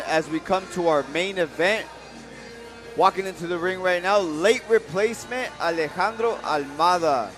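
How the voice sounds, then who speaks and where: A man's voice: sits high, fairly bright tone. A man giving live boxing commentary as a broadcast commentator, introducing the fighters. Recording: music behind the voice.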